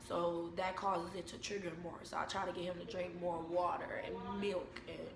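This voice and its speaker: A young American woman chatting casually to camera at home, telling stories in an informal, unhurried way. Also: fairly low pitch, flat delivery. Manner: informal, unhurried storytelling with repeated phrases. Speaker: vlogger and mother. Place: indoors at home. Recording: echoey room with background noise.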